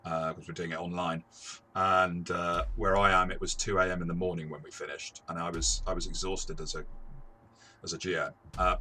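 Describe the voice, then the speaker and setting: There's a little hiss or hum behind this man's low, bright, forceful voice as he reviews a tabletop game in his role as game master. He speaks hesitantly, stopping and starting and repeating words often.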